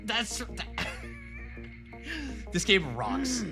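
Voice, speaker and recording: Over music, a New England streamer from Rhode Island speaks extremely slowly in an extremely high voice whose pitch swoops wildly. He is doing casual let's-play commentary, rambling and joking while talking to his chat and the screen.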